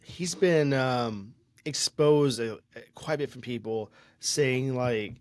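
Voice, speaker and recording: Young male podcast co-host, mid-pitched, chatty and opinionated, dry close-mic sound. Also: slow pace, a little mellow, no echo. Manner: chatty, opinionated, rambling with restarts. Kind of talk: casual tech podcast chat.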